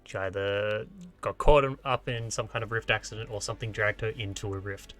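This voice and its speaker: An Australian man narrating a tabletop game as game master, casual and halting as he improvises. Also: on the low side, steady tone, a bit bright, faint music behind.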